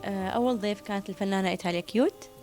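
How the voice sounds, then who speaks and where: A woman's voice: mid-range voice, rapid-fire, over music. A woman, co-hosting a casual chat and listing past guests in a matter-of-fact way. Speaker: co-host.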